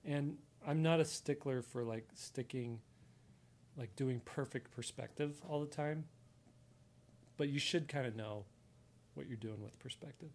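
A man's voice: mid-range voice, darkish tone, a little hiss or hum. An American man giving a casual live drawing tutorial step by step, his voice heard in one ear only. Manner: explains step by step while sketching. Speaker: drawing instructor, artist. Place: indoor room, live stream at desk. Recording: sound in left ear only.

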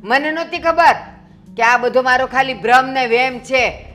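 A woman's voice: high voice, moderate pace, a bit bright. Scolding mother-in-law. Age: middle-aged. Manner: scolding, mocking, blunt. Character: sharp-tongued mother-in-law scolding her son-in-law.

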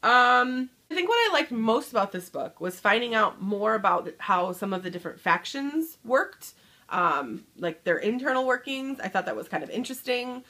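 Sounding very animated, this Michigan woman in her thirties talks at a moderate pace in a fairly high, sharp-toned voice. She's a book vlogger chatting upbeat to camera in a small room at home, often trailing off as she finishes a thought.

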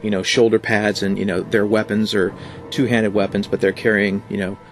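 A man being interviewed as a guest, telling stories in a rambling, animated way with lots of fillers. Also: on the low side, brisk, a little hiss or hum. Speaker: guest, art director. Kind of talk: casual interview.

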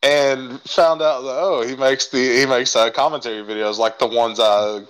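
Rambling, sweary man, mid-pitched voice. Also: steady tone, moderate pace, a bit bright, clear, resonant tone, rough recording. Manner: rambling, heavy casual swearing. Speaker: podcast co-host. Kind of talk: casual chat.

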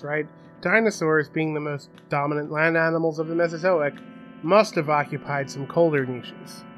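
A man's voice: on the high side, fairly bright tone. Chatty man explaining, faint music behind. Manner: chatty, explanatory, asks rhetorical questions. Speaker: paleontologist video host. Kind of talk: casual educational commentary. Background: faint funky background music.

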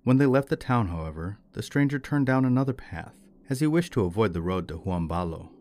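A man narrating a folktale in a measured, steady reading. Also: fairly low pitch. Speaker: storyteller. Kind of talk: scripted folklore narration.

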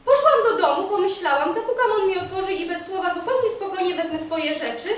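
An actress playing a bitter, volatile jilted young woman on stage, sarcastic and veering between hushed and shouted lines. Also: extremely high pitch, animated, fairly quick, a little hiss or hum. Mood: rueful. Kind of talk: stage monologue. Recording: very echoey, from far off.

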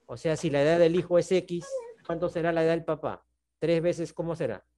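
A man's voice: a little high, steady tone, fairly quick, warm tone. Patient man teaching math on a call. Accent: Peruvian Spanish. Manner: patient, checks in often with "¿no?" and "¿está bien?". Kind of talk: online class explanation.

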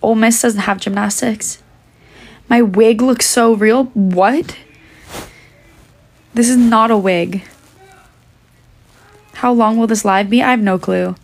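With a slightly high voice and vocal fry, the young woman takes her time and pauses often. Losing her voice, she still answers fans in a casual phone livestream, the phone at arm's length in a small room indoors.

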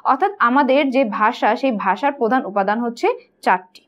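A woman's voice: fairly high pitch, normal speed, fairly bright tone, lo-fi sound. A woman teacher patiently explaining quiz answers, asking questions and answering them herself. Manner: patient, asks and answers her own questions.

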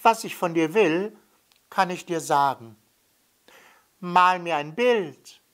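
A man's voice: slow pace, fairly bright tone. A man voicing a small blond boy who cheerfully and insistently keeps asking for something. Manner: high, pleading, repeats demands.

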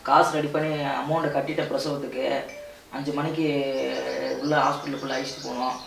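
Speaking a little fast in a gravelly, fairly bright, slightly high voice with a steady tone, a man with a southern Tamil Ramnad accent acts as a distressed husband in an amateur family drama. He falters and keeps reassuring his wife. The far-off mic captures an echoey room and a little hiss or hum.

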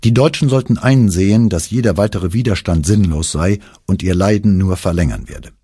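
A man's voice: deep voice, moderate pace, slightly rough, no echo, studio quality. A man narrating a first-person memoir as an audiobook, telling it expressively and voicing the quoted speech. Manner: expressive storytelling with voiced quotes.

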